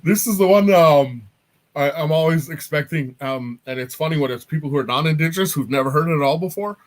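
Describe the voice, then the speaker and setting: A man's voice: fairly high pitch, a little fast. A man, an artist and apparel designer, chatting casually as a guest on a video call and laughing as he explains things. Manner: easygoing, laughs while explaining.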